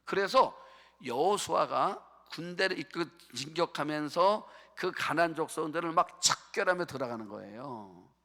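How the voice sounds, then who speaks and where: A man's voice: fairly high pitch, expressive, normal speed, sharp tone. A male pastor preaching a sermon, asking the congregation questions and answering them himself. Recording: long hall reverb.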